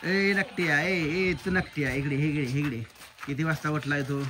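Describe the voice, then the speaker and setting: A man's voice: fairly high pitch, moderate pace. A man vlogging at his village home outdoors, coaxing and scolding the children and calling out to them. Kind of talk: casual family vlog.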